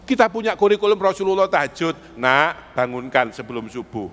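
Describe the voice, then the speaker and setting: A man's voice: on the high side, fairly quick, fairly bright tone, a little hiss or hum. A man with an East Javanese accent preaching an Islamic sermon in a mosque, putting rhetorical questions to the congregation and pressing them for answers. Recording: echoey mosque hall.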